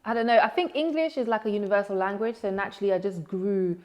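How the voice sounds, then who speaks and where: A woman's voice: medium pitch, fast talker, a little mellow. A young woman who grew up in the Netherlands, talking casually as an interview guest and filling her sentences with "like". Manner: chatty, frequent "like" fillers.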